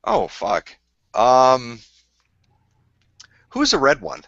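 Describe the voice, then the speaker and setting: A man's voice: mid-range voice, huge pitch swings, drawn-out words, gravelly, fairly bright tone, dry recording, muffled recording. A drunk man from Minnesota with a Minnesota accent, rambling crudely in casual livestream chat and laughing often. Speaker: streamer.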